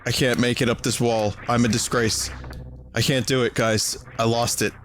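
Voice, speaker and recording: A man's voice: flat delivery, normal speed, a bit bright, a little hiss or hum. A man streaming a video game live, muttering self-mocking commentary to himself as he plays. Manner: self-mocking, muttering to himself, bursts into high-pitched screams. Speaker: gaming streamer. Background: game music.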